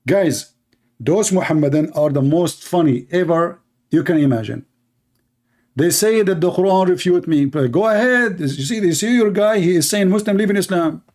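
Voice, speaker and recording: This debate show host speaks at a normal pace in a high voice with a darkish tone. An Arabic speaker by birth, he runs the live online debate in English, stressing words sarcastically and mockingly.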